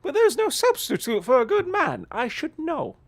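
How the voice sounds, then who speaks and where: Someone putting on a shrill nagging old hag mother. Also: huge pitch swings, normal speed, heavily acted. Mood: nagging, disapproving. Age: older. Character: nagging older mother, theatrical and disapproving. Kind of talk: video game dialogue read aloud.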